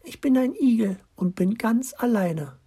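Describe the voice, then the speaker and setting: A timid little hedgehog child speaks in a soft, gentle voice, as a man reading a storybook puts it on. The voice sits well above a man's usual register and carries a breathy, husky edge. It sounds small and lost. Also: extremely high pitch, animated, measured pace, voice pushed up, exaggerated voice.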